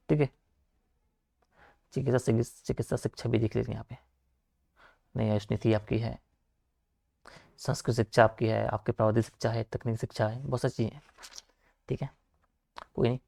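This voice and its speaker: Gravelly young male coaching teacher. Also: medium pitch, darkish tone. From Uttarakhand, India. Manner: talks fast, repeats filler like "theek hai" and "aapka". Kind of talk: online lecture, informal asides to students.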